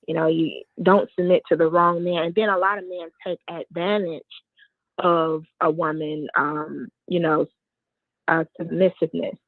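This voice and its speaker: A woman's voice: fairly low pitch, steady tone, moderate pace, no room sound. A woman calling in over a phone line, earnestly making her point with hesitations and repeats. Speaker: caller. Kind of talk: casual call-in opinion. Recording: dry, narrow phone line.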